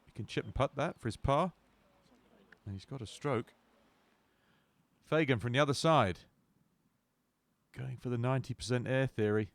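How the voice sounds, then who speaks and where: A man's voice: mid-range voice, moderate pace, vocal fry, pauses often, no echo. Male sports commentator, mid-range voice, dry understated humour. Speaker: golf commentator.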